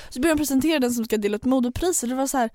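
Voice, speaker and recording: Young woman, high voice, chatty and filler-heavy, dry close mic. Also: warm tone, no room sound. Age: 20s. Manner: chatty, fast, full of fillers like "så här" and "liksom". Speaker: podcast co-host. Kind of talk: casual podcast chat.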